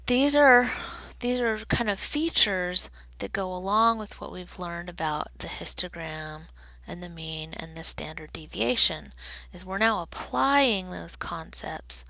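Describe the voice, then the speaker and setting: Slow, gravelly woman teaching statistics. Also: lowish voice, pushed and bright, no room sound, poor audio. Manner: slow, deliberate explaining while drawing on a graph. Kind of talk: recorded statistics lecture.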